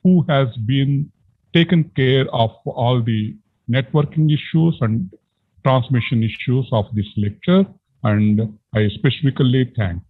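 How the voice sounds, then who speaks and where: An older man with an Indian accent gives a formal vote of thanks in a deliberate, halting way. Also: medium pitch. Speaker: event organiser giving vote of thanks. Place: indoor room, on a video call. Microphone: computer mic on video call. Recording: tinny, phone-like video call audio.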